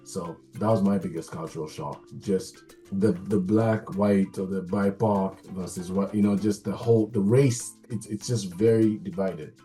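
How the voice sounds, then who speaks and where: A man from Kenya with a Kenyan accent, answering interview questions thoughtfully, often pausing with ums and restarting his sentences. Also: low voice, steady tone, dark tone, soft background music. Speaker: guest. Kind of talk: conversational interview.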